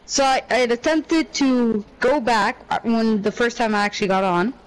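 A man's voice: very high voice, moderate pace, clean tone, low-quality recording. A young man co-hosting a casual podcast, telling a rambling, slangy story full of profanity. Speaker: podcast co-host. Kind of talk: casual chat.

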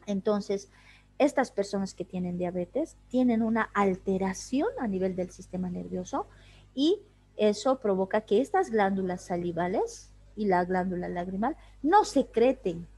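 A woman's voice: mid-range voice, animated, a little slow, a little mellow. Woman lecturing, asks and answers questions. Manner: explanatory, asks rhetorical questions and answers them. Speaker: anatomy teacher. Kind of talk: online lecture. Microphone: video call.

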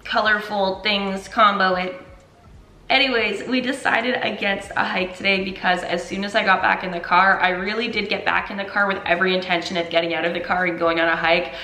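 A woman's voice: mid-range voice, steady tone, fairly quick, bright, forceful tone. A young woman chatting casually to camera at home, as a running vlogger. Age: young adult. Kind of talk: casual vlog chat to camera. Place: open living room indoors. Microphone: camera a short way off. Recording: echoey room at home.

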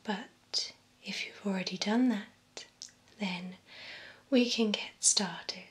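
In this ASMR role-play of personal attention, a young adult woman voices a slow, whispering vampire beautician, lightly acted at medium pitch. Her breathy whisper is poised and soothing, and she treats the client with formal care. The recording places her close whisper, via binaural mic, over clear ambient noise.

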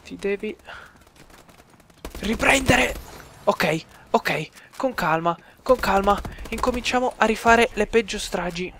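A young man giving excitable live gameplay commentary, swearing and talking to his viewers. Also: high-pitched, unhurried, few pauses, a little hiss or hum. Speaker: gaming youtuber.

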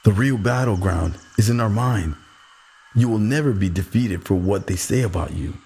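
A man voicing a wise, calm old uncle who gives fatherly advice in a slow, measured way. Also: lowish voice, breathy edge.

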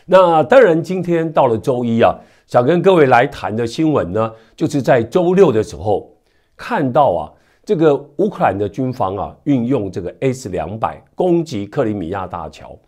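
A man in his fifties with a stuffy nose and slight hoarseness from a cold, hosting conversational news commentary to camera on a lapel mic. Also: medium pitch, very animated, normal speed, darkish tone. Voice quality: stuffy, strongly nasal from a cold. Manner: conversational, with frequent sentence-final particles and rhetorical tags. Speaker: news commentary show host. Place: indoor studio with virtual backdrop.

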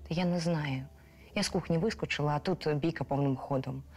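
An actress playing a talkative restaurant waitress in a docudrama, gossipy and quick to defend herself. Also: female voice, deep voice, a little mellow, slightly rough. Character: chatty, defensive waitress eager to point fingers. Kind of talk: docudrama reenactment.

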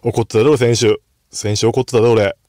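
A man's voice: mid-range voice, level tone, quick pace, a little mellow, dry recording, studio quality. A man with a Kansai accent, hosting casual horse-racing betting commentary in a rambling, self-deprecating way. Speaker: host.

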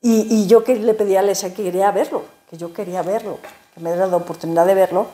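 Warm-voiced woman giving testimony. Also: medium pitch, steady tone. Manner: emotional, halting, many repeated words. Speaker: interview guest. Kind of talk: personal faith testimony.

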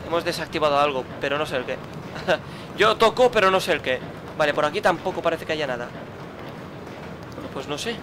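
Over background noise, a man with a slightly high voice provides let's play commentary on his own gameplay. Frustrated, he mutters to himself, grumbles, and swears at the game.

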